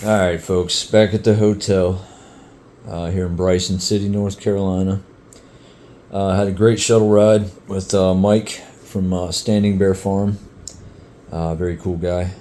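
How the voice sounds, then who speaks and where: Out of breath on an outdoor trail, a middle-aged hiker and vlogger chats casually about his hike, laid-back and full of filler words. His low voice keeps a level tone and a warm quality, and he takes his time. There's slight background noise.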